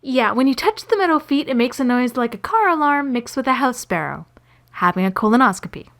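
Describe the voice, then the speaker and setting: Over background noise, a woman from Canada tells scripted comic stories, sarcastic, wry and full of exaggeration. She works as a storyteller and animator, and her high, expressive voice runs a little fast.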